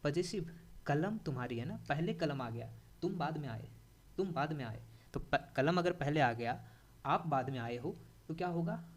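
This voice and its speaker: A young Indian-accented man teaching a grammar lesson. He is a native Hindi speaker who keeps restating each rule. He asks the class questions with lively energy. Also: fairly high pitch, normal speed. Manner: repeats key points, asks the class questions, animated.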